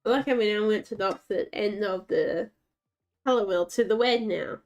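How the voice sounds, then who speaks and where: Soft music plays in the background of this recording, and its high frequencies are cut off. A female game streamer talks a little fast in a medium-pitched, darkish, naturally scratchy voice. She rambles chattily to herself and the game's dogs as she plays.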